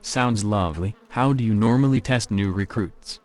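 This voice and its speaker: A man's voice: lowish voice, moderate pace, a little mellow, natural voice. A synthetic text-to-speech man's voice playing a blunt, sardonic vampire recruit in video game dialogue. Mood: dry.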